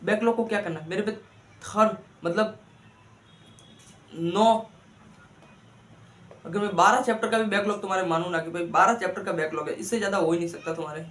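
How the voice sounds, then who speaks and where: A man's voice: sits high, a bit bright, reverberant. A man giving students exam study advice, asking rhetorical questions and coaxing them. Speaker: exam coach.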